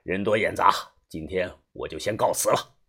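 A man voicing a sly, smug middle-aged fixer in an audiobook, speaking smoothly with a knowing edge. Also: deep voice, normal speed, bright, forceful tone, voice pushed down, exaggerated voice. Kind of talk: audiobook character voice.

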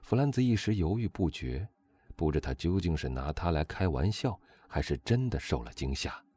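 A man narrates a novel with a low, mellow voice. His delivery is lively and expressive, and the recording is dry and close. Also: normal speed, slightly rough, no echo. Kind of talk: audiobook narration.

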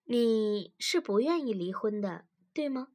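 A woman voicing a calm, composed male psychologist in a storybook reading, asking quiet, measured questions. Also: a little high.

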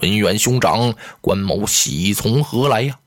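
A male storyteller voicing a dignified, loyal heroic general in a deep, slow and grave voice. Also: expressive. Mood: solemn.

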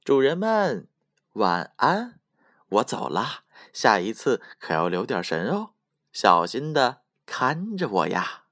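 A man's voice: medium pitch, huge pitch swings, takes it slowly, no echo, clean studio sound, voice pushed up, heavily acted. A man doing a tiny cheeky boy. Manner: bright, playful and teasing. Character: tiny thumb-sized boy, clever and cheeky.

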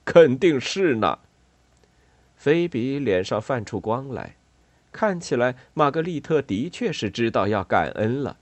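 A man narrating a children's storybook in a calm, even way. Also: medium pitch, moderate pace, no room sound.

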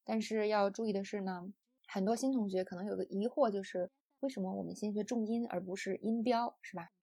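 A young woman from China teaches English pronunciation in a patient, explanatory way, scattering soft fillers as she goes. Her voice is mellow and a little husky, in a middling register. The sound is dry and close. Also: mid-range voice, steady tone, brisk, dry recording. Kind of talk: online audio lesson.

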